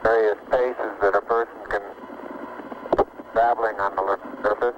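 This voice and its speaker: A low-voiced man reports in a halting, measured way, pausing often as he works. His voice comes over a radio link broken by static bursts. The sound is muffled and lo-fi, with heavy hiss. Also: flat delivery. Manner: halting, measured, many filler pauses. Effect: radio transmission with static bursts. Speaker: astronaut. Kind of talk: radio report while working. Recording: lo-fi archival radio, loud static.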